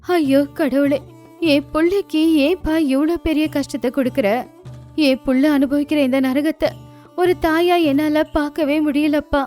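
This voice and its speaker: A woman voicing a grieving elderly mother in an animated story, with a slow, sorrowful lament. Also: high voice, faint music behind, lightly acted.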